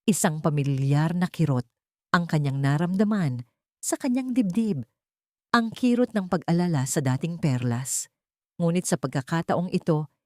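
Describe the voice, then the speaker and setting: A woman with a Filipino accent narrates an audiobook, reading a scripted dramatic story. Her lowish voice is warm, recorded at studio quality with no room sound.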